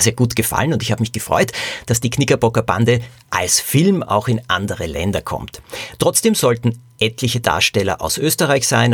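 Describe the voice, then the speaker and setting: Husky male author-narrator, calm story read, dry close sound. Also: medium pitch, no room sound.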